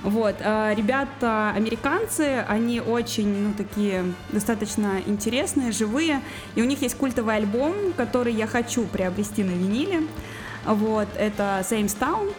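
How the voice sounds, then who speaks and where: A woman's voice: on the high side, normal speed. A woman guest on a radio show, talking casually about music with lots of fillers and restarts. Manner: hesitant, many fillers and restarts.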